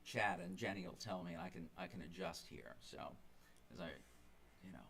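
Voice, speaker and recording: A man's voice: deep voice, steady tone, fairly quick, a bit bright, slight background noise. A middle-aged man, a singer-songwriter, telling the story behind a song between numbers of a livestream concert, rambling with many fillers and restarts. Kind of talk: casual storytelling between songs.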